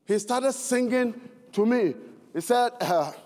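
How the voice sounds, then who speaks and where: Man, Ghanaian accent, preaching a sermon, very high-pitched, emphatic, echoing church hall. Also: expressive, takes it slowly. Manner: emphatic, shifting between fervent shouts and low earnest tones.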